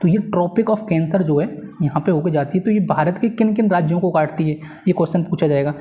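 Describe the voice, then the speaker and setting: Brisk and mellow, a little high in pitch, this man teaches for exam preparation through an informal lecture at a board. He repeats key points and regularly uses tag phrases to confirm his listeners are with him.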